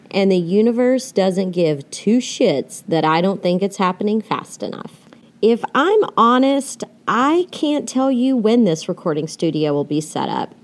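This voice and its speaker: A woman's voice: mid-range voice, darkish tone. Chatty woman muffled under a blanket. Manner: candid and chatty, swears casually, laughs often. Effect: muffled, recorded from under a blanket. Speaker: podcast host. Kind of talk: casual solo podcast monologue. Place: on her bed under a blanket.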